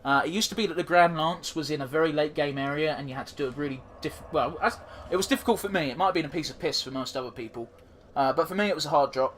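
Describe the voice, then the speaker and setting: Speaking fast in a fairly bright voice on the high side, a man with a blocked nose plays a game and commentates casually, cursing and trailing off with fillers. He's a gaming commentator doing a let's-play, and there's a little hiss or hum.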